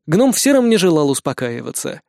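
A man's voice: a little high, big pitch swings, a little fast, gravelly, warm tone, dry recording, studio quality. Man reading a fantasy story aloud. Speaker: narrator. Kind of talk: audiobook narration.

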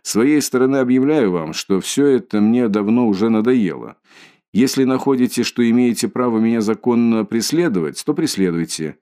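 A man's voice: medium pitch, lively intonation, normal speed, clean tone, natural voice. Man doing a feverish defiant young student. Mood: cold. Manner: tense, shouting. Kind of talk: audiobook character voice.

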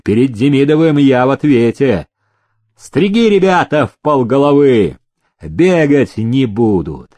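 A man's voice: medium pitch, sing-song, slow, darkish tone, no room sound. A man voicing a pompous, bossy male factory overseer who barks orders and turns sugary when mocking.

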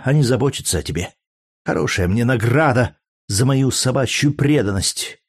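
A man's voice: mid-range voice, dry recording, studio quality, voice pushed up, natural voice. A man reading aloud and voicing a jealous, scornful young Greek courtesan with a biting, mocking manner.

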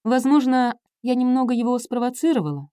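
A woman's voice: high-pitched, animated, a little fast, dark tone, clear, resonant tone, no echo, studio quality, pitched above the performer's own voice. A woman reading an audiobook, voicing a playful, impulsive young woman in a chirpy, teasing tone. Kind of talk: audiobook character voice.

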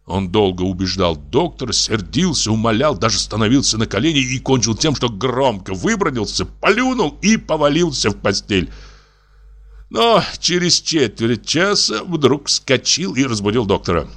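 Expressive male audiobook narrator. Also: mid-range voice, moderate pace.

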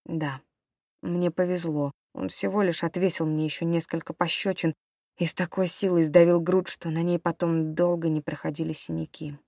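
A woman reading a novel aloud in the first person, as a steady audiobook narrator. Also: fairly low pitch, moderate pace, no room sound, studio quality.

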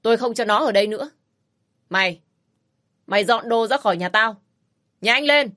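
A woman's voice: mid-range voice, expressive, normal speed, lightly acted. A woman voicing a spiteful, bullying sister-in-law who sneers and hurls insults. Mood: spiteful yelling.

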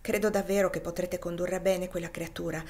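A woman voicing a kind gentleman, gentle, wry, mild voice, audiobook. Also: fairly low pitch, steady tone, a little fast, close to an everyday voice. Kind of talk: audiobook reading.

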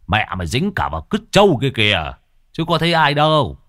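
A man voicing a gruff middle-aged fisherman father who shouts and scolds with coarse curses. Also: mid-range voice, wildly swooping pitch, a little fast, dry recording, clean studio sound, pitched above the performer's own voice. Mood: scolding.

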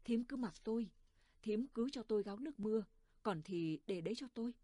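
A woman's voice: on the high side, lively intonation, fairly quick, mellow, dry recording, studio quality. A woman voicing a tired, stubborn old village mother who brushes off worry. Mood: tired, dismissive.

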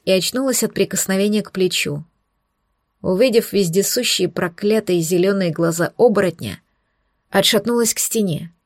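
A woman reading a first-person romance novel aloud, intimate and emotional, with measured phrasing. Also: medium pitch, darkish tone, no echo, clean studio sound. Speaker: audiobook narrator.

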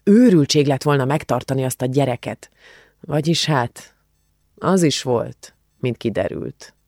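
Audiobook figure: male narrator doing a knowing young woman friend, matter-of-fact, gravelly tone. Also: mid-range voice, lively intonation, a little mellow, dry recording, studio quality. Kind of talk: audiobook character voice.

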